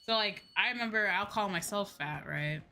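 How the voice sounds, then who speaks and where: Here a woman streaming as a VTuber speaks at normal speed, her medium-pitched voice bright and forceful. Her gaming chatter is loose and rambling, full of asides and casual swearing, set against background music.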